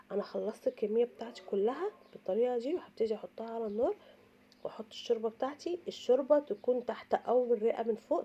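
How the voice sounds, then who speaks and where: Fast-talking Egyptian woman, slightly tired voice. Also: fairly high pitch, breathy edge, lo-fi sound. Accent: Egyptian Arabic. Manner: chatty, repeats and emphasizes points, addresses viewers directly. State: slightly tired voice from oncoming cold. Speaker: home cooking show host. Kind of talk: informal step-by-step cooking tutorial.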